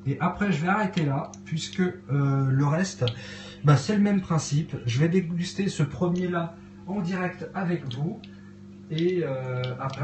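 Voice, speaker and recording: Man, casual live-stream chat, higher-pitched voice, hesitant with fillers, echoey kitchen, faint noise. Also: a little mellow. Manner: hesitant, many fillers, chatting with viewers. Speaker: livestream host cooking. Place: cluttered home kitchen, indoors. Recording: echoey home room.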